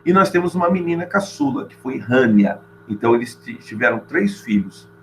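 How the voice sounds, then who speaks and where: A middle-aged Brazilian man explains a novel to students in a relaxed, conversational lesson. His voice sits at an everyday middle pitch, and he keeps tossing in little check-ins as he goes. A faint hum runs underneath the recording. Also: normal speed, poor audio. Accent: Brazilian Portuguese. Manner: chatty and informal, keeps checking in with "tá?". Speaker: literature teacher. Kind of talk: casual classroom lecture.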